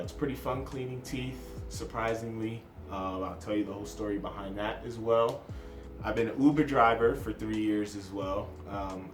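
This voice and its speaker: Chatty low-voiced young man, echoey room. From New Jersey, USA. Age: 20s. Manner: chatty, self-deprecating, jumps between topics. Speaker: vlogger. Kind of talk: casual to-camera introduction vlog.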